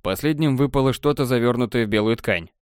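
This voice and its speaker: A man narrating an audiobook in an even storytelling manner. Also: mid-range voice, fast talker, smooth, no room sound, clean studio sound. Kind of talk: scripted narration.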